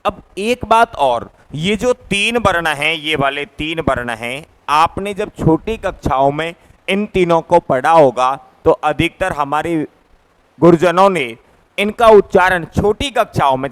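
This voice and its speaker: A man's voice: a little high, lively intonation, measured pace, clear, resonant tone. A male teacher from Rajasthan giving a classroom grammar lecture, patiently drilling letter sounds one by one and repeating his points while he writes on a board. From Rajasthan, India.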